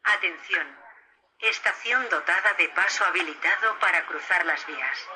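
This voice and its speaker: A woman reading a formal recorded safety announcement in a measured, even way, heard over a train PA system. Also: on the low side, a little hiss or hum. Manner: measured, formal, evenly paced.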